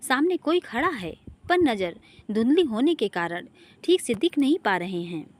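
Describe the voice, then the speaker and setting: Lively woman narrating a family story. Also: a little high, normal speed.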